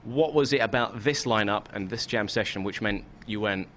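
A man's voice: lowish voice, moderate pace, a bit bright, slight background noise. A man hosting a radio interview backstage at a concert, chatty and laughing easily. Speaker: radio host.

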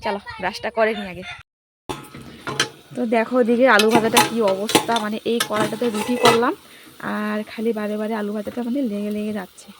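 A woman's voice: medium pitch, level tone, a little fast, very noisy. A young woman chatting to her viewers as she shows her household chores in a village home, filming on a phone. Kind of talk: casual vlog talk to viewers. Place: village home, partly outdoors.

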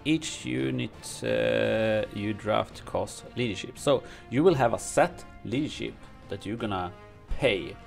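In his home streaming room, a male gaming streamer with a deep, gravelly voice goes through game update notes and offers his own commentary on the news. English isn't his native language, so his speech is halting and packed with fillers and restarts, and faint music runs underneath.

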